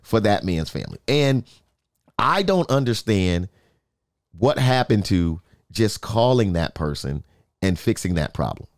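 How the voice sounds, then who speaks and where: A man's voice: fairly low pitch, very animated, measured pace, no room sound, studio quality. A man co-hosting a sports talk show, speaking emphatically and often checking in with "right?". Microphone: in-ear monitor, studio.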